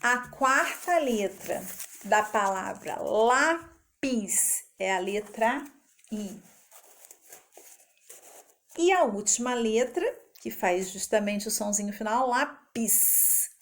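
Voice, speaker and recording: A woman teaching a literacy lesson, breaking words into syllables and letters slowly and carefully. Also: mid-range voice, expressive. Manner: slow, careful syllable-by-syllable explanation.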